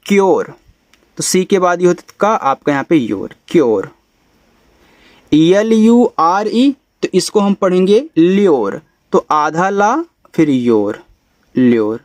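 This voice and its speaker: A man teaching English phonics to beginners, spelling letters out slowly and then saying each word lower. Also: no room sound. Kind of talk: phonics lesson explanation.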